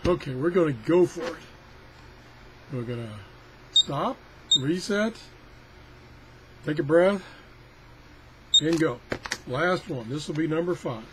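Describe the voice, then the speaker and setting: Slow and animated, with long pauses, an older man with a voice on the high side casually demos a product. The reviewer rambles in a folksy, grumbling, self-deprecating way, and the amateur recording is clearly noisy.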